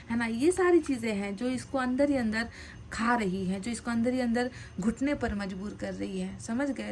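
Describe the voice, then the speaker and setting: A woman giving a casual tarot card reading, animated and repeating phrases for emphasis. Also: mid-range voice, slight background noise.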